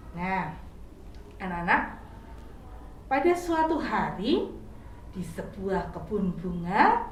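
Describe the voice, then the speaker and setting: A woman teacher telling a devotional story to children in a slow, clear storytelling manner. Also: mid-range voice, slight background noise. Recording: echoey room, from far off.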